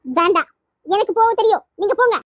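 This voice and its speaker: A timid, suspicious young woman in a cartoon, voiced by an actor, her very high, girlish voice rushing along. She pleads and frets constantly, recorded dry and close. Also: animated, no room sound. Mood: defiant, upset. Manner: quick, pleading, fretful talk. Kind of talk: cartoon voice acting.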